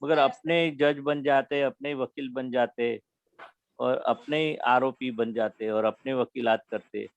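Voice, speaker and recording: A man giving a spiritual talk to young listeners, explaining slowly and repeating his key phrases. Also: medium pitch, steady tone, no echo. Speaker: spiritual teacher. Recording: dull lo-fi recording.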